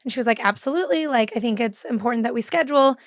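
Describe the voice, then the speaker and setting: Woman guest, slightly higher voice, easygoing and affirming, dry close mic. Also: very fast, no room sound. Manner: agreeable, frequent affirmations and laughs. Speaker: guest, mother. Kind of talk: casual chat.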